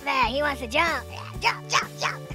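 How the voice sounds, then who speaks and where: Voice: high voice, big pitch swings, moderate pace, music in the background. Chipmunk-filtered chatty vlogger. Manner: chatty, narrating what they see. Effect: sped-up chipmunk voice filter. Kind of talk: casual vlog chat on a walk. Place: outdoors in a wooded park. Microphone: handheld phone camera.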